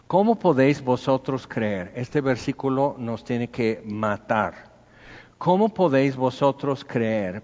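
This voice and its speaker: A man with a Mexican Spanish accent preaching a conversational sermon, acting out little dialogues and swinging from hushed to loud. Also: medium pitch, big-room sound, muffled recording. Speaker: pastor.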